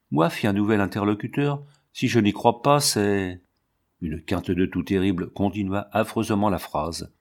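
A man reading a literary novel aloud in a steady, measured narration, lightly voicing the soldiers' lines. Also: lowish voice. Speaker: audiobook reader.

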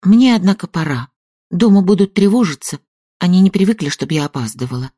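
A man reading an audiobook, voicing a courteous young woman who acts modest and speaks in a measured, earnest way. Her voice sits well above his own, in a lively tone with a dry, close sound. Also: high voice, no echo, voice pushed up. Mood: polite. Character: polite young woman, poised, falsely modest.

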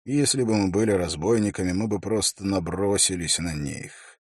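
A man voicing a bearded older warrior who speaks in a quiet, calm, reassuring way. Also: low voice, normal speed, slightly rough, no room sound, studio quality.

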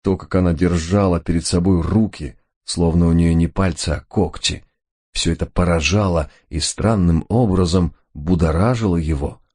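A man narrating a noir crime novel in a measured, storytelling manner. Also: low-pitched, darkish tone, breathy edge. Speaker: audiobook narrator. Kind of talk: scripted narration.

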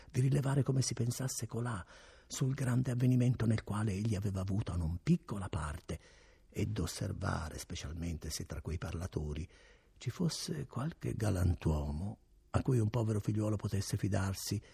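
A man reading a classic novel aloud as audiobook narrator, measured and expressive, with a raspy voice. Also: low voice. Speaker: audiobook reader.

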